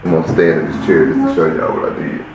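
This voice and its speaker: A man's voice: rumbling low, flat delivery, quick pace. A man hosting a podcast, telling a story in a casual way, often turning to his listeners with "y'all" and acting out the scenes as he goes. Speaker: podcast host. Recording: roomy echo, faint hiss.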